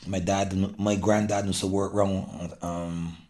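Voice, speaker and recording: Deep-voiced Barbadian man, earnest and halting. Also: flat delivery, darkish tone. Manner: earnest, halting, many restarts. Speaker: guest. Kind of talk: casual interview.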